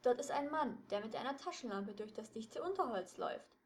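A woman's voice: fairly high pitch, lively intonation, a little fast, lightly acted. A woman voicing a sensible, observant teenage boy detective who speaks plainly. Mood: calm, defensive.

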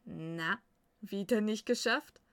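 A woman's voice: on the low side, big pitch swings, unhurried, fairly bright tone, dry recording, exaggerated voice. A woman voicing a young Viking brother who teases his sister in a storybook reading. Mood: amused. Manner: amused, then consoling.

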